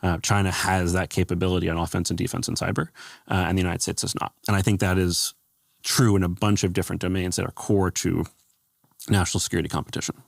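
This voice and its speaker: Deep gravelly man, measured interview answers. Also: little pitch movement, dry recording, clean studio sound. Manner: measured, thoughtful, with frequent fillers. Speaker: guest, former government AI adviser.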